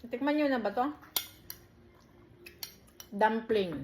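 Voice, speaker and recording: A woman caregiver chats and tells stories in short, quick phrases and laughs often. She records on a phone, and faint room noise sits behind her. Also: a little high, darkish tone. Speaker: caregiver and vlogger. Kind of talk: casual storytelling chat.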